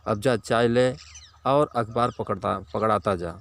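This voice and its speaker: A man's voice: lowish voice, measured pace, a bit bright. A man voicing a lazy, gluttonous fat village man who scolds and grumbles at everyone. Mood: grumbling, bossy.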